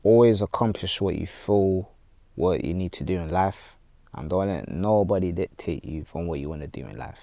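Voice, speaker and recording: A man's voice: deep voice, a little fast, mellow, no echo. A man with a London roadman accent, chatting casually as a podcast guest in heavy street slang full of tag phrases. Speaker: podcast guest, music artist.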